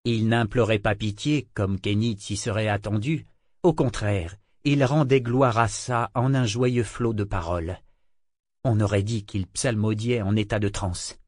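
A man narrating an audiobook in a measured, expressive reading. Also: on the low side, no room sound, clean studio sound. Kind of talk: scripted narration.

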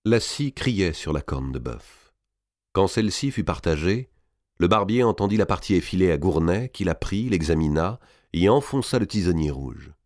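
Dramatic male narrator, low voice with lively range, dry close reading. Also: no echo. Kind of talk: audiobook reading of a historical novel.

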